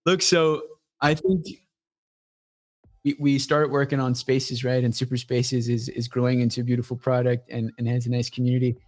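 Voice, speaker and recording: A guest on a casual livestream show, a man pitches his startup at a moderate pace. He's blunt, profane and full of energy.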